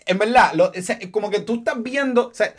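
A man's voice: high voice, a little fast, slightly rough. A young man with a Puerto Rican accent, hosting a casual podcast and telling stories with lots of swearing and laughter. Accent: Puerto Rican Spanish. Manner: animated, profane, laughing storyteller. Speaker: podcast host.

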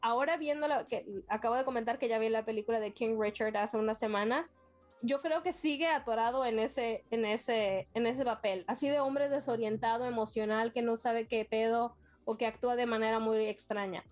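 A Mexican woman with a notably high voice, narrating a story in a lively, animated way during a casual conversation. She keeps the telling vivid, and faint music plays underneath. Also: normal speed. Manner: animated storyteller, acts out quotes. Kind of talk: casual chat.

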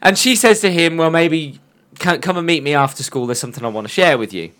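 Casting: male podcast host, animated recap, slightly high voice. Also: a little fast. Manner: animated, laughs often. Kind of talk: casual chat, recapping a show.

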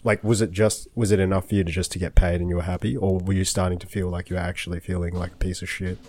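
Low nasal-voiced man with a cold. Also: flat delivery, fast, darkish tone. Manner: rambling, many fillers and restarts. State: congested with a cold. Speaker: podcast host. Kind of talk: casual chat.

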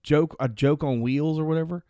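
A man's voice: fairly high pitch, normal speed, mellow, clean tone, no room sound, studio quality. Man hosting a podcast in natural unscripted talk. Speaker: podcast host.

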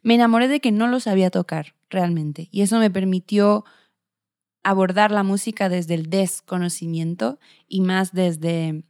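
A woman musician answering interview questions in a thoughtful, searching way, pausing softly as she gathers her words. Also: medium pitch, clean tone, no echo, clean studio sound. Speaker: musician guest.

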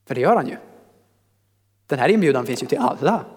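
Swedish-speaking preacher in a reverberant hall. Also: male voice, medium pitch, husky. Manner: lively, conversational, jokes with congregation. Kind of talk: sermon. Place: church hall.

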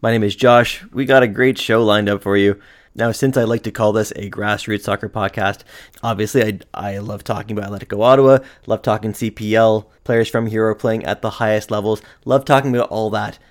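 A man hosts a podcast in an upbeat, chatty way, with plenty of casual fillers. His voice sits somewhat low. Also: steady tone, a little fast. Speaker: podcast host. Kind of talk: podcast intro and interview.

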